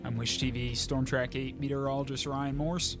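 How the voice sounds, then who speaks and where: A man's voice: mid-range voice, level tone, normal speed. A man reading a scripted radio weather forecast as a meteorologist. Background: music bed.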